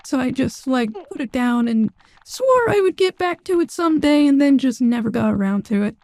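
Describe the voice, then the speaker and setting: Woman streamer, voice changer, high pitch, dry, rambling, fillers. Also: very animated, moderate pace, a little mellow, no room sound. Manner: rambling, hesitant, many fillers. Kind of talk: casual chat.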